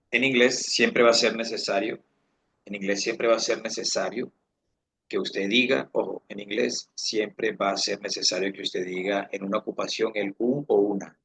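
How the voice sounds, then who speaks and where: Husky, slow-spoken male teacher. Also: lowish voice, fairly bright tone. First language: Spanish. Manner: repeats phrases slowly, switching between English and Spanish. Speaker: English instructor. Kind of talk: online English lesson.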